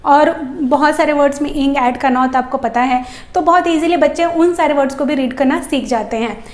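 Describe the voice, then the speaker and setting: A woman with a high voice gives a phonics lesson for parents. She explains in Hindi peppered with English and stretches out each sound as she blends letters into words. The room has a noticeable echo. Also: fairly quick. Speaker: English teacher.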